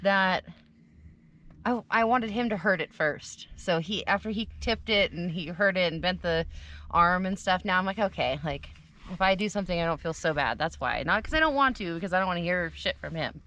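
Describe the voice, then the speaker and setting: A woman's voice: lowish voice, expressive, normal speed, sharp tone. A woman bantering playfully outdoors from the passenger seat of an off-road vehicle. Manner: teasing, playful. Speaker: co-host and passenger. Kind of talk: casual banter.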